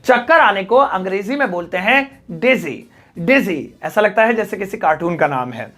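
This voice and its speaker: Man from delhi teaching english words in hindi, says each english line twice, slow and careful. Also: high-pitched, expressive, fairly bright tone. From Delhi, India. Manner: repeats each English example slowly and deliberately. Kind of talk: spoken language lesson.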